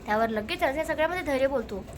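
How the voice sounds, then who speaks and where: A woman narrating a recap of a television serial episode, telling the story lively and quoting the characters' lines one after another. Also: high-pitched, quick pace, slight background noise.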